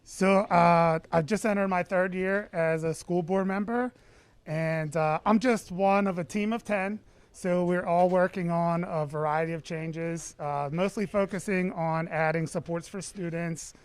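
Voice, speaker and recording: A man's voice: high voice, steady tone, a little slow, clear, resonant tone, no room sound. A middle-aged man answering interview questions earnestly, with frequent fillers. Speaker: interview guest.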